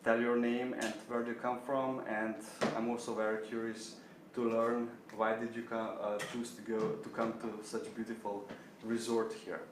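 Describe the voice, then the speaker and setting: A man gives a casual lecture, friendly and halting, with plenty of ums. His voice sits at an ordinary pitch and carries around an echoey room. It is picked up from a distance, with faint noise behind. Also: little pitch movement. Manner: friendly, hesitant, many ums. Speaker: lecturer, attorney. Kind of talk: informal lecture.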